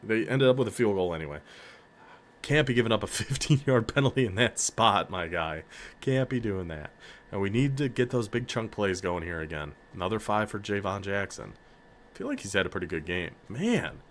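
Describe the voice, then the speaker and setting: A man with a northern American accent giving casual, excitable commentary on his football video game, hyping up his players and laughing often. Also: lowish voice, normal speed, slight background noise. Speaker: gaming YouTuber.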